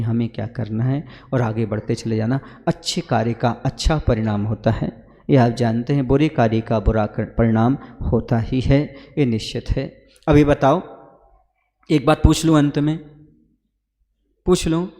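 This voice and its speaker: A Jain monk giving a sermon to a gathering, calling listeners brothers and putting questions to them. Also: male voice, medium pitch, moderate pace, dark tone, big-room sound.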